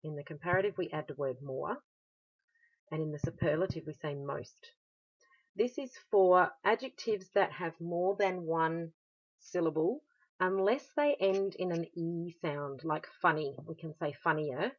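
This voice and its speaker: An Australian woman with a low voice talks a class through a grammar lesson, patient and steady, pausing on "um" as she explains. The recording sounds dull and lo-fi. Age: adult. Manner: patient, explanatory, with frequent "um" fillers. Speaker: German teacher.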